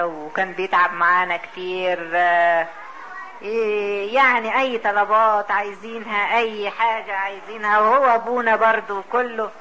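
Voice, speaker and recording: An Egyptian woman telling a story to a gathering, halting and full of fillers, often laughing. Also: medium pitch, bright, forceful tone, slight background noise, low-quality recording.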